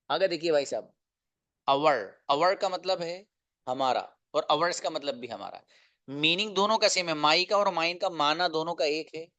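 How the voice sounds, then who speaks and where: Guy teaching english grammar online, bit high voice, dry sound, keeps asking questions and repeating examples. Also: fairly bright tone, no room sound. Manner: explains slowly, repeats examples and asks rhetorical questions.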